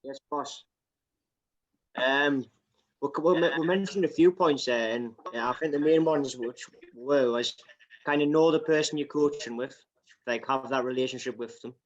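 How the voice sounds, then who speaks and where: A man's voice: mid-range voice, moderate pace. Man on a muffled call. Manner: relaxed, hesitant with ums. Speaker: coach. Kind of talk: casual video-call discussion. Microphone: video call. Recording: muffled video-call audio with faint noise.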